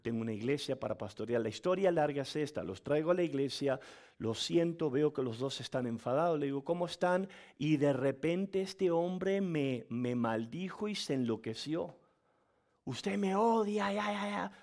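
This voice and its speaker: A man preaching as pastor, telling a story with acted-out voices and laughter, in an animated storytelling manner. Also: mid-range voice, normal speed. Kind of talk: sermon.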